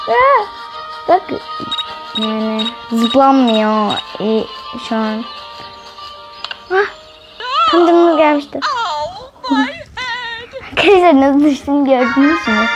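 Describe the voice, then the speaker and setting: Female let's-play host, high and bright-pitched, excitable and chatty, game music playing behind her. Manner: excitable, often shrieks and laughs while playing; chatty, keeps addressing viewers directly. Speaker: gaming channel host.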